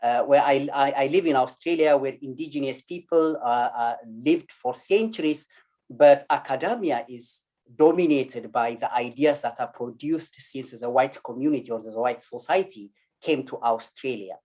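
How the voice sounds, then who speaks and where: A man in his forties from Ethiopia speaks on a video call in a measured, reflective way. He pauses often and fills the gaps with hesitant sounds as he builds each point. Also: medium pitch, a little mellow. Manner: measured, many pauses and fillers. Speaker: academic panel speaker. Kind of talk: reflective panel talk. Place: indoor room.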